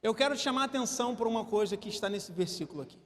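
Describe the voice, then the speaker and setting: Man, Brazilian accent, preacher, animated sermon, high-pitched, long church reverb. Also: very fast. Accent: Brazilian Portuguese. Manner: animated, engages the congregation with a staged demonstration. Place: church hall.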